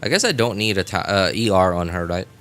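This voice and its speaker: Streaming a video game, this man keeps things laid-back and informal, chatting with viewers and muttering to himself now and then. His voice sits low yet sounds fairly bright, and he's animated, speaking at a quick pace.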